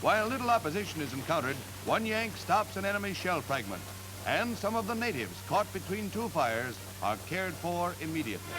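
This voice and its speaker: High-voiced man in old newsreel narration. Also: sing-song, poor audio. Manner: brisk, emphatic announcer delivery. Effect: old newsreel sound. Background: loud music.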